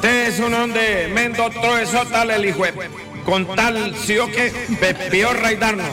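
Over clear background music, a high-pitched man performs as a radio comedy storyteller. His words are playfully scrambled into nonsense syllables. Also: steady tone, measured pace. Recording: music playing behind the voice.

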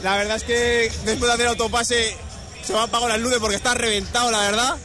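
Fast-talking male player, crowd roaring behind. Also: very high voice, flat delivery. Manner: jokey, breathless. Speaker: football player. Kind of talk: post-match interview. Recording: crowded stadium noise. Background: crowd and music.

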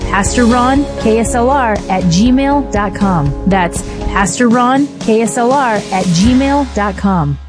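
A woman's voice: fairly high pitch, animated, takes it slowly, hardly any pauses. Woman reading a radio promo over music. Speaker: announcer.

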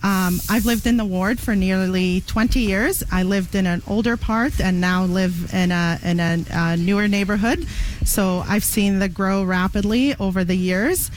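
A middle-aged woman from Iraq, a council candidate, answering interview questions earnestly with many pauses and fillers. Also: medium pitch, a little hiss or hum, poor audio. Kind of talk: radio interview guest.

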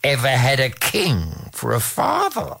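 A reader voicing a clever, calm female cat in a storybook tale, speaking in a sly and composed manner. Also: mid-range voice, a little slow, creaky, breathy edge, heavily acted. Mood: cool. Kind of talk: storybook reading.

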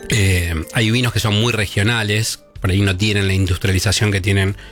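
Low-voiced Argentine radio guest. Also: male voice, flat delivery, brisk, fairly bright tone, soft background music. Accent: Argentine Spanish. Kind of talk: casual radio chat.

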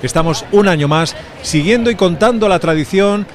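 A man's voice: high-pitched, a crowd in the background. A man, a radio reporter giving a live report from an outdoor event in a city square. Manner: brisk broadcast delivery.

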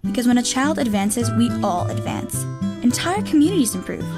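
A woman reading a scripted public service appeal in an earnest, measured way. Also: a little high, expressive, loud music behind the voice. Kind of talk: scripted radio appeal narration.

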